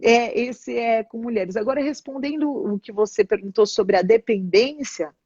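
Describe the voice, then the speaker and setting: A woman's voice: a little high, normal speed, slightly rough, no room sound. A woman bishop with a Brazilian Portuguese accent, telling a personal testimony in an interview and acting out the dialogue as she goes. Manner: animated storyteller, acts out dialogue. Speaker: church bishop, interview guest. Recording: dull, dry sound.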